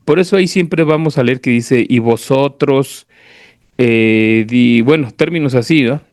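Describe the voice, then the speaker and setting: A man with a Mexican accent preaches an informal sermon at a church service, reading from the Bible and explaining in a conversational, teaching way while often checking listeners understand. His mid-range voice is a little mellow and unhurried. The studio-quality audio has no echo.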